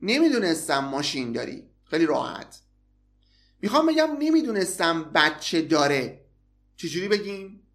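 A man teaching English in a recorded lesson, explaining patiently and saying example phrases slowly and repeatedly. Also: fairly high pitch, very animated, a bit bright.

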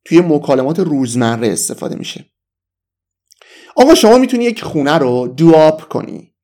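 A man's voice: on the high side, very animated, mellow. Eager man teaching English words. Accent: Persian. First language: Persian. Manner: enthusiastic, coaxing, says English phrases slowly. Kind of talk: online vocabulary lesson in Persian.

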